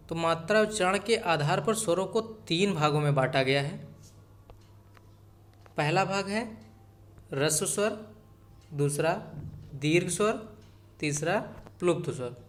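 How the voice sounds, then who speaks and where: Male tutor, slightly high voice, exam-prep lecture, repetitive and direct. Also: normal speed, pauses often, fairly bright tone. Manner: repeats key points, addresses viewers as friends. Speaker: teacher.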